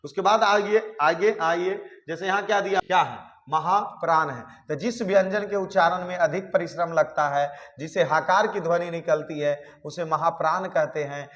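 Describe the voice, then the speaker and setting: A man's voice: on the high side, normal speed, hardly any pauses, fairly bright tone. A man teaching Hindi grammar in a classroom lesson, asking questions and answering them himself and calling the viewer "babu". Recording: long hall reverb.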